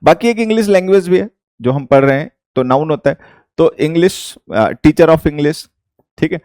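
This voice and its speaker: An English teacher from India with an Indian accent, explaining a lesson slowly and repeating each point. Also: male voice, fairly high pitch, darkish tone, clean tone, no echo, studio quality.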